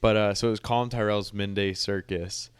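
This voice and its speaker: A man's voice: fairly low pitch, steady tone, a little fast, smooth, no room sound. A man hosting a casual podcast, telling a rambling story with lots of fillers. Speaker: podcast host.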